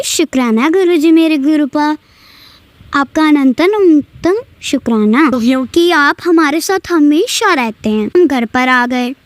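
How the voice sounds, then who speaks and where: A young girl gives a devotional testimony, earnestly recounting a pilgrimage and a school day while thanking her guru again and again in a breathless, childlike retelling. Her voice sits high, with no room sound.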